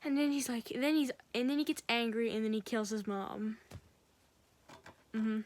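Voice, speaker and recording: A woman with a slightly raised pitch talks through a film's story as a casual reviewer. She rambles, restarts and links every beat with "and then", keeping it loose and conversational. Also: normal speed, a little mellow. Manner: rambling, strings events together with "and then". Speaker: film reviewer. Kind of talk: casual film recap.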